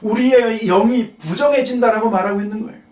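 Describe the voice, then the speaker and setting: Male pastor, higher voice, preaching and asking the congregation questions; roomy, distant church sound. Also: darkish tone. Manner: slows down to read scripture, asks the congregation questions. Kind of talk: sermon. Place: church sanctuary. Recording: echoey church hall, mic at a distance.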